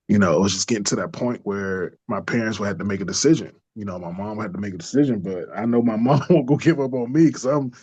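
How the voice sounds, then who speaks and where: A man telling a personal story in a casual interview, lively, laughing often and acting out the voices of people he quotes. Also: lowish voice, breathy edge, dry recording. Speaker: interview guest. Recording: dull lo-fi dry sound.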